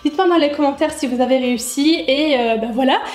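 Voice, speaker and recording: A woman's voice: high voice, fast, a little mellow. A young woman, a lifestyle YouTuber, answering viewer questions in a casual vlog while she cooks at home, chatty and self-mocking with lots of fillers. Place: home kitchen. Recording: echoey kitchen sound.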